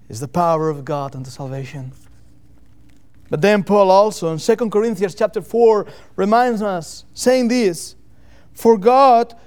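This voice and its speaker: Speaking English as a second language, this Catalan-accented man from Catalonia, Spain, preaches a sermon as a missionary. His high voice has a darkish yet clean tone. He repeats key phrases earnestly, using deliberate emphatic wording for rhetorical effect.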